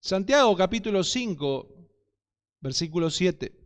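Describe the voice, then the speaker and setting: Male pastor, Argentine Spanish accent, sermon, frequent amens, high clear voice, reverberant hall. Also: lively intonation, a little slow.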